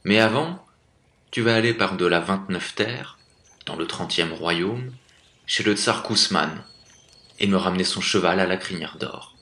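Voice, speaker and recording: A man voicing an old tsar who speaks loudly and reproachfully in a commanding voice, in a storybook reading. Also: deep voice, unhurried. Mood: stern. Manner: loud, commanding. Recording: echoey room.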